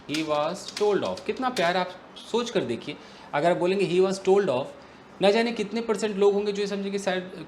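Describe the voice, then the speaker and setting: Animated man teaching English. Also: fairly high pitch, slight background noise. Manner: lively, animated explaining with emphatic repetition; reads English examples slowly and deliberately. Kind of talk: casual online English lesson.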